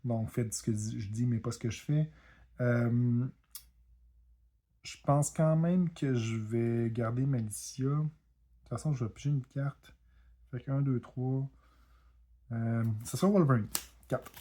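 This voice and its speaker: A man with a Québécois French accent casually commenting on his own card game as he plays, self-deprecating and quick to apologize for his mistakes. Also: mid-range voice, mellow. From Quebec. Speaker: board game video host.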